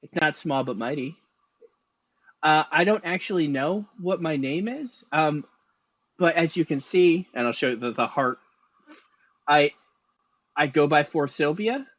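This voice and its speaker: A man's voice: a little high, measured pace, long pauses, a bit bright, dry recording, lo-fi sound. A man voicing a naive, anxious living doll in improvised tabletop role-play, hesitant and rambling. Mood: hesitant, unsure.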